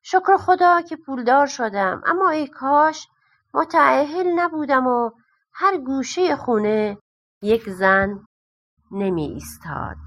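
A sharp-witted peasant farmer grumbles and talks back bluntly in a folk-tale storybook, as a woman reader plays him. His voice sits a touch high and lively. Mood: grumbling. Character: clever plain-spoken peasant farmer, grumbling.

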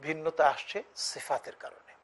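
A man teaching Quran recitation in a lecture, explaining each point step by step, asking and answering his own questions and sounding out Arabic letters slowly. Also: a bit bright. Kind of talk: lecture on tajweed.

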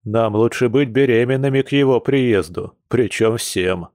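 A man's voice: mid-range voice, unhurried, darkish tone, no room sound, close to an everyday voice. A man voicing a hungover bear werewolf who groans and complains gloomily, in a dry audiobook recording. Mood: groaning. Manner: groaning, mournful.

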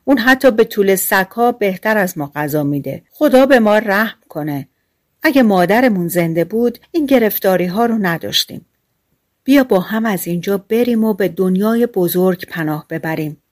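A woman narrating as a little girl from a storybook, the fond, worried sister who begs her brother to stop. The voice sits at a middling pitch and lifts higher on her urgent warnings, as the narrator puts her on. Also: animated, lightly acted. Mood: sorrowful. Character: young girl, loving worried older sister. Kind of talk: storybook reading.

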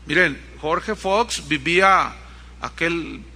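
A man's voice: a little high, takes it slowly. A man preaching a sermon in a conversational way, with asides to the congregation and acted-out quotes. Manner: animated storytelling, acting out quotes.

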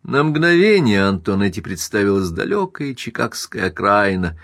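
A man reading a classic novel aloud as audiobook narrator, even and measured. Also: on the low side, no room sound, studio quality. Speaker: audiobook reader.

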